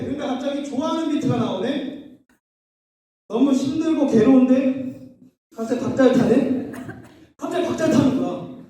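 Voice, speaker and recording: High, lively man preaching in an echoey hall. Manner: playful storytelling, acting out scenes, leading call-and-response. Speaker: pastor. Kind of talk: youth retreat sermon. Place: church hall at a youth retreat. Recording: echoey hall, mic at a distance.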